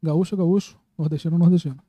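A man's voice: on the high side, steady tone, very fast, mellow, dry recording. A man with a Carioca Brazilian accent, speaking informally and with strong opinions in a casual podcast conversation, with some swearing. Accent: Carioca (Rio de Janeiro) Brazilian. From Rio de Janeiro, Brazil.

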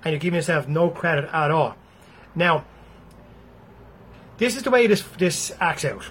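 A man's voice: a little high, animated, normal speed, fairly bright tone, husky. A man with an Irish accent giving a blunt, freely swearing motivational talk to his viewers. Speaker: motivational speaker.

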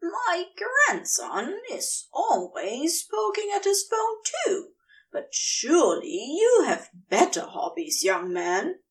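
A woman voicing a kindly but scolding elderly woman with a creaky, tutting voice. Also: extremely high pitch, huge pitch swings, slow pace, far from the mic, voice pushed up, full character voice.

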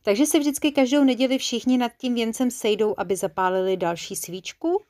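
A woman's voice: on the high side, a little mellow, pitched above the performer's own voice, lightly acted. A woman playing a stubborn little male forest creature from a bedtime story, insistent and a touch pompous. His voice is raised a little above a plain reading voice, and he states his demands firmly. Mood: curious. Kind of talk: storybook character voice.

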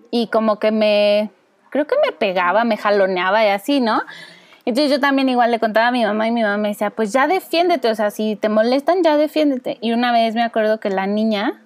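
Brief: Mexican woman in her thirties, lively storyteller on a podcast, higher voice, close dry sound. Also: dry recording. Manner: animated, acts out kids' voices with squeals. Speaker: podcast co-host. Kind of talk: casual chat.

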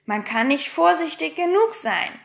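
Pippi, a woman doing a hoarse fearless girl. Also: high voice, sing-song, measured pace, pitched above the performer's own voice, heavily acted. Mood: cheeky. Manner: boastful, playful. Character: bold cheeky girl adventurer, fearless. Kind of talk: audiobook reading.

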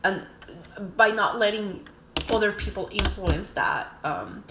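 Woman guest, relaxed chat, echoey room. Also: medium pitch, takes it slowly. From Mexico. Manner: relaxed, frequent ums, thoughtful. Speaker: podcast guest. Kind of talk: casual interview chat. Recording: echoey room, faint noise.

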